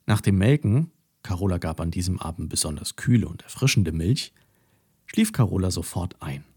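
Husky low-voiced male storyteller. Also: moderate pace, no echo, studio quality. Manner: expressive, storytelling. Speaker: audiobook narrator. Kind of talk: scripted children's story narration.

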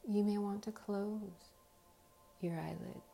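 Slow, creaky hypnotist woman, dark and soft. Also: medium pitch, fairly even intonation. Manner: slow, soothing hypnotist delivery with long pauses between short phrases. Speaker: host of guided meditation and hypnosis sessions. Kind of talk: slow hypnotic guided relaxation. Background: faint music.

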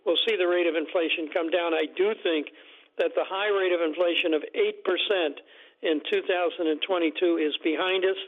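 A man speaking as an economist guest in a radio interview, deliberate, with many fillers and restarts. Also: high-pitched, fairly even intonation. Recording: tinny phone line.

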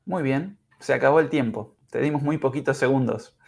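A man teaching English pronunciation in a podcast lesson, speaking carefully and demonstrating sounds slowly. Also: medium pitch, vocal fry, darkish tone. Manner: slow, careful, exaggerated pronunciation drills.

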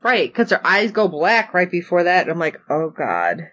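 A woman's voice: fairly low pitch, moderate pace, a bit bright. A woman co-hosting a podcast, recapping a TV episode in casual chat and acting out her own reactions. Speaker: podcast co-host.

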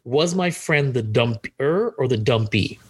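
Husky-voiced joking podcast co-host man. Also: medium pitch, lively intonation, measured pace. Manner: joking, rambling, many restarts. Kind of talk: casual podcast chat.

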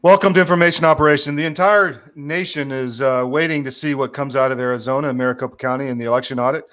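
A man hosting an interview show, speaking casually with halting, filler-heavy phrasing and repeated words. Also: medium pitch, fairly bright tone. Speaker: host.

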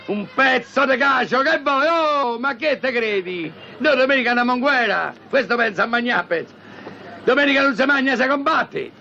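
An actor playing a loud, bossy football-fan father who organizes the bar's supporters, talking with a Roman accent in hectoring rhetorical questions. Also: high voice, a little hiss or hum, exaggerated voice. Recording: dull lo-fi film soundtrack.

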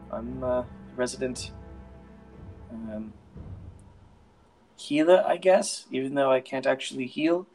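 A man's voice: mid-range voice, a little mellow, voice pushed up, natural voice. A man voicing a hesitant woman healer who halts and hedges with ums in a tabletop game. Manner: halting, full of ums and "I guess". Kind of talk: tabletop game role-play.

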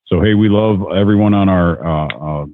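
A man's voice: sits low, normal speed, slight background noise. A man hosting a podcast, telling a story and exhorting listeners in an earnest, motivational way over a call. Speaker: podcast host. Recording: tinny phone-like call audio.

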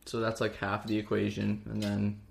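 With a creaky, darkish voice on the low side, this young podcast co-host speaks at a moderate pace in a monotone. The talk is casual and wandering, and now and then he delivers lines like a mock advertisement.

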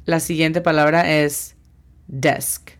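Woman teaching english, spells out each sound, really slow, low voice. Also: level tone. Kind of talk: language lesson.

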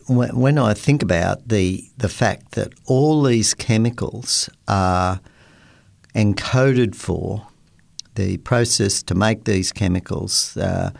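An older male radio host talks through a scientific topic at an unhurried, halting pace, stopping often to restart his sentences. His voice is deep and heavily gravelly. The recording is close and dry, with no room sound. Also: dry recording. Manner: slow and halting, many fillers and restarts. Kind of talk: unscripted talk about science and faith.

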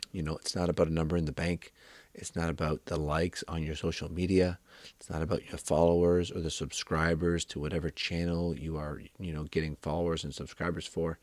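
Deep-voiced man, gentle wellness talk. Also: dry recording. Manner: gentle, affirming, frequent "right?" tags. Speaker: wellness coach. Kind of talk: reflective monologue.

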